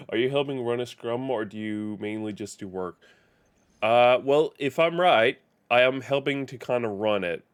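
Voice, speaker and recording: A man's voice: mid-range voice, lively intonation, unhurried, clear, resonant tone. A man live-streaming a video game, chatting casually in a rambling, self-correcting way.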